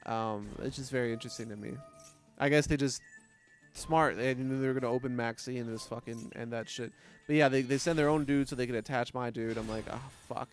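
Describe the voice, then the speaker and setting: A man's voice: medium pitch, fairly even intonation, brisk. A man talks through his card game replays in a casual, profane way. He mocks his opponents and often laughs to himself. Faint music plays underneath. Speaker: gaming commentator. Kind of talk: casual gameplay commentary.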